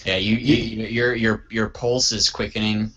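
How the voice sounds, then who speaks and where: A man running a tabletop game as game master, talking in halting bursts full of ums and restarts. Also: fairly low pitch, steady tone, bright, forceful tone, breathy edge, lo-fi sound.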